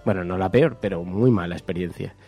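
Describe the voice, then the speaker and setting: A man's voice: low voice, a little fast, vocal fry, warm tone, breathy edge. Joking radio host man. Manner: jokey storyteller, playful teasing. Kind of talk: casual radio chat.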